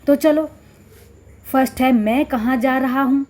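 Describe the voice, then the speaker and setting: Woman teacher, slightly high mellow voice, patient step-by-step explaining to young kids. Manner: patient, explains slowly, often addresses children. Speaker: primary school teacher. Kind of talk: recorded classroom lesson for children. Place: Chhattisgarh, India.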